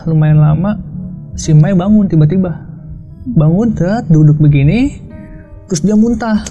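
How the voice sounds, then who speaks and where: A man telling a story of his own in a casual, hushed, halting way, often quoting himself and others. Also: a little high, gravelly. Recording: dull lo-fi sound with faint music.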